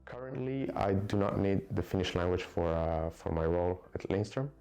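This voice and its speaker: Italian guy in his 20s, low mellow voice, lots of uhs, soft music behind. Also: lively intonation, clean tone. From Italy. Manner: earnest, halting with many fillers and restarts. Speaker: credit control specialist. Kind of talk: corporate interview.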